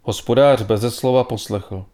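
A man narrating a story in a calm, measured reading voice. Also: mid-range voice.

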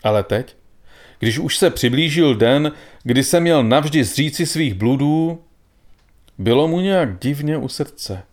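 A man narrating a story in a calm, measured reading voice. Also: mid-range voice.

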